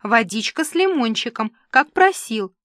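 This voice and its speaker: A frazzled young studio administrator, voiced by a woman narrator, alternately cajoling and snapping back. Her voice is fairly high and heard close and dry. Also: big pitch swings, fairly bright tone, no room sound. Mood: coaxing. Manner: coaxing, cajoling, quick to snap back.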